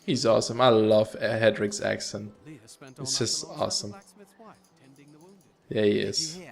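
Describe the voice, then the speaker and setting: A man's voice: fairly low pitch, measured pace, creaky. A man hosting a let's play, chatting casually and upbeat as he plays, with rambling asides. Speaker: gaming channel host.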